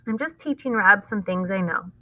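Woman reading gentle ailing mother, soft, patient, storybook reading. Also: mid-range voice, animated, normal speed, no room sound, low-quality recording.

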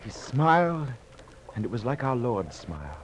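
Through a noisy 1940s radio recording comes a man's natural, medium-pitched voice, sing-song and at normal speed. He acts a haunted sailor, guilty over a doomed voyage, narrating in verse-like lines with theatrical, fervent, anguished declamation and a haunted, awed mood.

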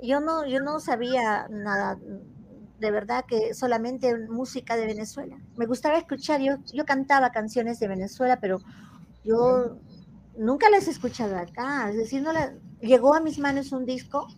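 A woman from Peru speaks as a guest poet in a casual interview. Her voice is high, and she often doubles her words as she goes. She sounds eager as she talks. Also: moderate pace, darkish tone, a little hiss or hum, low-quality recording.

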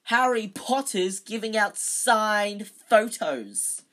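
A woman's voice: lowish voice, pitched above the performer's own voice. A woman voicing a spiteful schoolboy bully, mocking and scathing, in a storybook reading. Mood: loud, scathing. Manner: loud, drawn-out, mocking.

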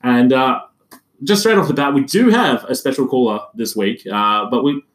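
A man's voice: mid-range voice, normal speed. A man hosting a casual chat podcast, jokey and sarcastic, rambling with restarts. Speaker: podcast host. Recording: echoey room.

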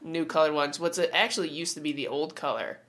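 A woman's voice: low-pitched, a little fast, fairly bright tone. A woman co-hosting a podcast in casual chat, sounding congested and stuffy-nosed from a head cold. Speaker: podcast co-host.

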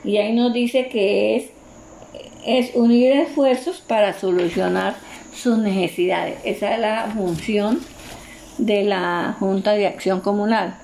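A woman's voice: medium pitch, steady tone, slow pace, creaky, darkish tone, slight background noise. A woman schoolteacher with a Colombian accent, giving patient spoken feedback on homework in a voice message, repeating and rephrasing her points. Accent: Colombian Spanish.

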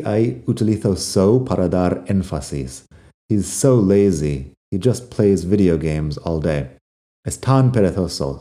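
A man teaching English vocabulary, reading example sentences slowly twice and translating them. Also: lowish voice, dark tone. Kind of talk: vocabulary lesson.

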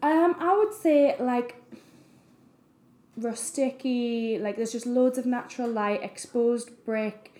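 A woman's voice: fairly high pitch, takes it slowly, warm tone. A young woman, a wedding photographer chatting casually as a podcast co-host with lots of fillers. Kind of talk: casual chat. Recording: echoey room.

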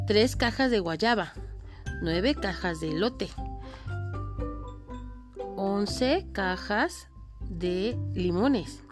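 A woman with a Mexican accent speaking as a teacher, explaining informally in a chatty, playful way. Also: medium pitch. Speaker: math teacher. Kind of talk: informal lesson with playful role-play.

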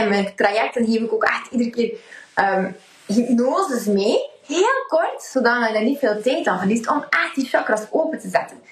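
A woman's voice: on the high side, echoey room, rough recording. A Flemish woman in her thirties, a coach talking casually and emphatically to her live chat, laughing easily. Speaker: coach and livestream host.

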